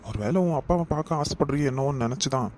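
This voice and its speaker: A man voicing a gentle young husband who soothes and coaxes his wife, with a Kanyakumari Tamil accent. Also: mid-range voice, rapid-fire, noisy background, lightly acted. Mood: soothing. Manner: soothing, coaxing.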